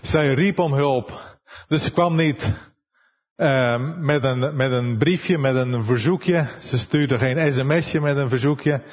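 A Dutch man preaching a sermon, soft-spoken and unhurried, pausing and searching for words as he goes. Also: mid-range voice, in a large hall, lo-fi sound. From Netherlands.

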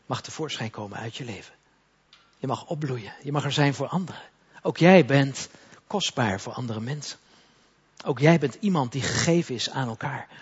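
A man with a very husky, breathy voice preaches in a church service. He speaks softly and intimately, sometimes sinks to a whisper and sometimes rises into forceful declarations. The recording sounds dull and lo-fi. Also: mid-range voice. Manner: soft and intimate, dropping to whispers, then rising to forceful commands. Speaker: pastor. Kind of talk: prophetic sermon ministry.

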